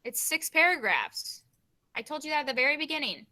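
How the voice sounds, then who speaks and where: Bright-voiced woman teacher on a video call. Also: high-pitched, animated. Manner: brisk, repeats prompts. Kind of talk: online class teaching.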